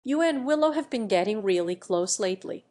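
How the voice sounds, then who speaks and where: A woman's voice: medium pitch, animated, a little fast, warm tone, natural voice. A woman reading as a prying young male classmate. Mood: probing. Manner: friendly, prying questions.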